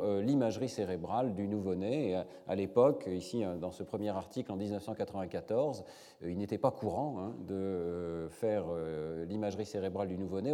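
A man delivers an academic lecture in a slow, measured way, often pausing on fillers. His voice sits low and mellow. The sound carries the long reverb of a lecture hall. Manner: measured, many hesitations.

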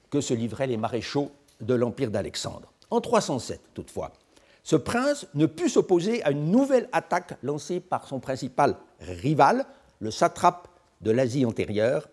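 Older man giving a hesitant history lecture. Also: slightly rough. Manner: measured, lively pitch with frequent hesitations.

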